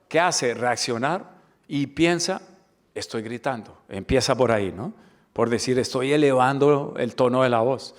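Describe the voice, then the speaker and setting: A man from the Dominican Republic giving a corporate training webinar, emphatic and fond of rhetorical questions and repeated key words. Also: medium pitch. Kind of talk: webinar lecture.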